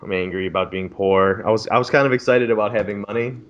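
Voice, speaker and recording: On a laid-back podcast, a male grad student in his twenties vents profanely and in exasperation about red tape as co-host. He talks fast in a lowish voice, and the sound quality is lo-fi.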